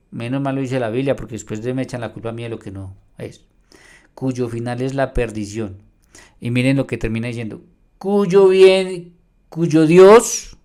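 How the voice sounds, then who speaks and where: A man's voice: medium pitch, a little mellow. A man teaching from the Bible in a video response. He reads verses aloud with emphasis and argues directly with another pastor. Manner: addresses a rival pastor directly.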